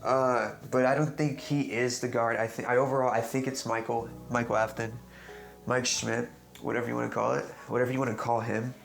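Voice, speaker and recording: This young YouTuber talks through a game theory off the cuff, rambling, stuttering a lot, restarting lines, and ending points with "right?". His mid-range voice barely moves in pitch, runs a little fast, and carries vocal fry, over background music.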